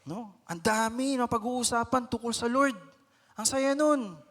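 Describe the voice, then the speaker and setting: A young man with a Filipino accent preaching a lively Taglish sermon, acting out everyday scenes in raised voices. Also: very high-pitched, unhurried. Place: church hall. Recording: long church reverb.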